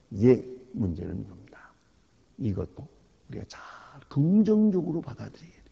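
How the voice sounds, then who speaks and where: A male pastor preaching a sermon, swinging between loud emphasis and near-whispered asides. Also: medium pitch, creaky, breathy edge. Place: church sanctuary. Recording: lo-fi church hall recording with long reverb.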